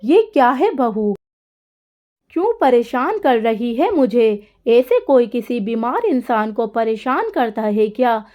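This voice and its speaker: A woman's voice: a little high, very animated, slow, warm tone. Woman doing a cranky older mother-in-law. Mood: shouting. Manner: snappish and scolding.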